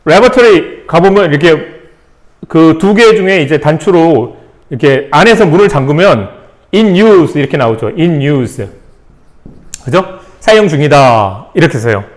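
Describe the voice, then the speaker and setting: A man teaching English vocabulary in Korean, spelling words out letter by letter and asking rhetorical questions with playful asides. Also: on the high side. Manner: playful asides and little jokes. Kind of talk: classroom-style vocabulary lesson.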